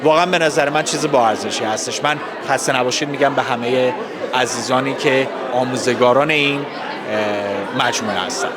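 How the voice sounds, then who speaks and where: A man with an Iranian Persian accent giving formal, courteous, halting interview answers. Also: medium pitch. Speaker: festival organizer interviewee. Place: public festival space with crowd. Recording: busy crowd noise, outdoor public event.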